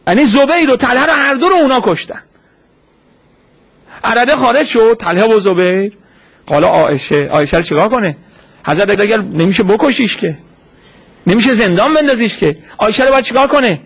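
A man's voice: very high voice, husky. A man giving a sermon as a story, posing rhetorical questions and answering them himself. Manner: acts out quoted speech in a lively retelling. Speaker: preacher.

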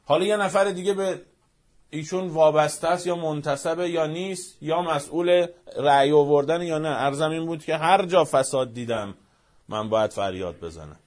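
A man delivers a fervent, rhetorical religious-political speech, swinging between raised, shouted outbursts and quiet, low, near-hushed asides.

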